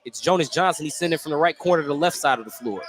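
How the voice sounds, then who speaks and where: A play-by-play commentator calls a live basketball game for radio from an indoor gym, his voice on the high side and very fast. He describes the action in running detail, correcting himself as he goes, over noisy live gym ambience.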